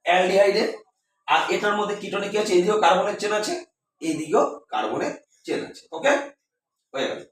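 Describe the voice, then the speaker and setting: High-voiced teacher in an echoey room. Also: male voice, animated, brisk, long pauses, recorded from a distance. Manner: repetitive, asks questions and answers them himself. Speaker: chemistry teacher. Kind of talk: classroom lesson at a board.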